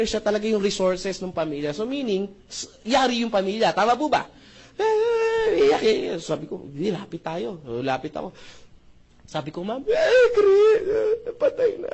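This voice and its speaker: A high-voiced man, with slight background noise behind him, presents a marketing plan in a lively seminar that switches between Tagalog and English. Joking and polite, he says "po", calls listeners "mga brother, mga sister", and keeps asking "tama ba?" to confirm agreement.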